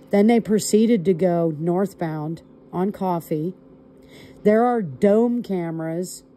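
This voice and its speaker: On a recorded call, a woman with a lowish, warm voice tells law enforcement what happened, going step by step in a deliberate, emphatic way.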